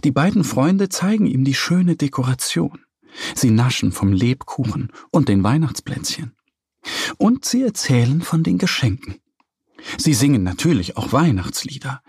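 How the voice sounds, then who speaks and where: Slow, husky male storyteller. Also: medium pitch, no room sound, clean studio sound. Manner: calm, expressive storytelling. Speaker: narrator. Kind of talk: children's story reading.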